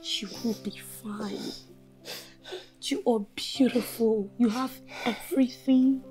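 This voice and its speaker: An actress playing a gentle, devoted woman who soothes and coaxes her friend in a film drama. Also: a little high, steady tone, slow pace, soft background music, rough recording. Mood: soothing. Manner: soft, soothing, coaxing. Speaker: caring friend.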